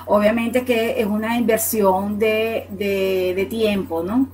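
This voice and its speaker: A woman's voice: mid-range voice, steady tone, slow pace, darkish tone, low-quality recording. A woman from Latin America teaching English words in Spanish on a live online class, explaining patiently and checking in with "ok?" after each point. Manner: answers viewers' questions by name. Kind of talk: live online language lesson.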